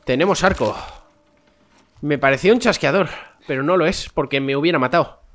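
A man's voice: on the high side, fairly quick. Man, nasal and congested, casual gameplay commentary, swears, talks to the audience. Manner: chatty, swears often, talks to viewers. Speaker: gameplay streamer. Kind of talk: casual let's-play commentary.

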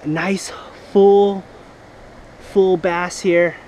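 A young man's high, level voice, darkish and drawn-out, carries a slight hiss or hum. He's recording a relaxed fishing vlog from river rocks on a head-mounted action camera, walking through his gear and whooping when a fish comes in.

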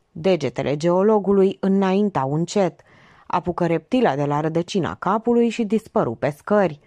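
Expressive woman reading a novel. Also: mid-range voice, no echo, clean studio sound. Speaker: audiobook reader. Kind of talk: audiobook narration.

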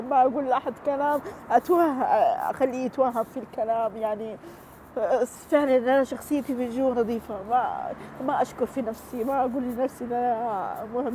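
A woman's voice: sits high, mellow, slight background noise. A woman, crying and pleading as she vents on a phone livestream, repeating herself. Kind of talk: emotional livestream venting.

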